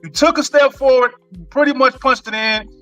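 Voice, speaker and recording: A podcast host with a high, bright voice talks through a tough loss in a casual, earnest way. He circles back on his points, and soft music plays in the background. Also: normal speed, low-quality recording. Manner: earnest, repetitive, conversational. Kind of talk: casual sports podcast chat.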